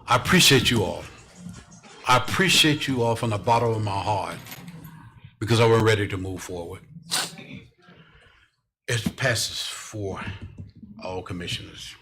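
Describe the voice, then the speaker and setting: A man's voice: on the low side, fairly quick, long pauses, bright, forceful tone, slight background noise. A man chairing a city commission meeting as mayor, speaking emotionally and repeating his words. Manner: emotional, repeats himself, apologetic. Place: council chamber.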